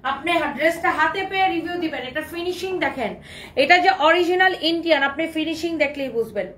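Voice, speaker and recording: A hoarse woman from Bangladesh pitching clothes on a live-stream sale, repeating herself coaxingly and slipping in English phrases. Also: expressive, quick pace, fairly bright tone. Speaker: online clothing seller. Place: clothing shop. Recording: roomy, slightly distant, faint background noise.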